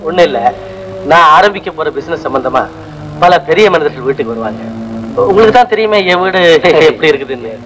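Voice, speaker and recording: Earnest young man played by an actor, measured and polite, music clear behind. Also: fairly high pitch, animated, natural voice, low-quality recording. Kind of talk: 1960s Tamil film acting. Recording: old film soundtrack with clear music.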